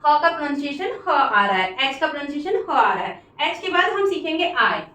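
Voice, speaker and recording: High bright Indian woman teaching pronunciation. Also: very animated. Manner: repeats words slowly to teach pronunciation. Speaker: English teacher. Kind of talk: classroom-style teaching. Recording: echoey room, voice from far off.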